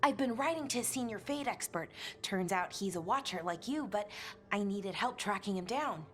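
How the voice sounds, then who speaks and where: A woman's voice: medium pitch, expressive, normal speed, soft background music, lightly acted. A woman playing an earnest, polite scholar in a fantasy video game.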